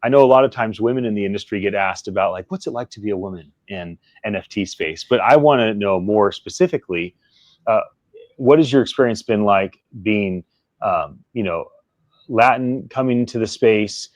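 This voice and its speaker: A male interview host with a lowish voice asks long, winding questions, circling back with "you know" and "uh." The sound is close and dry, with no room echo. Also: normal speed. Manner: rambling, searching questions with fillers. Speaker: podcast host.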